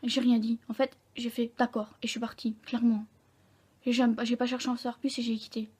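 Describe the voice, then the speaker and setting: Mellow-voiced young woman telling her story. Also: on the high side, little pitch movement, slightly rough. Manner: candid, halting, full of self-corrections. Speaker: vlogger. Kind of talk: personal storytelling to camera.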